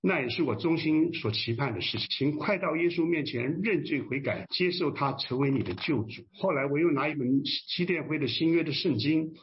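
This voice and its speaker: A man's voice: fairly high pitch, lively intonation, fairly quick, hardly any pauses, a little hiss or hum. A man, a pastor who is also a doctor, telling his testimony as a sermon, earnest and storytelling, often acting out the voices of others. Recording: dull lo-fi sound.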